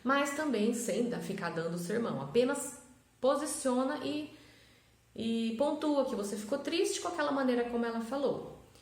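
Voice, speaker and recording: Her on-the-high-side, expressive voice moves at a normal speed through a casual monologue about raising her triplets. Reflective and chatty, she frequently uses tag questions, and the recording sounds roomy.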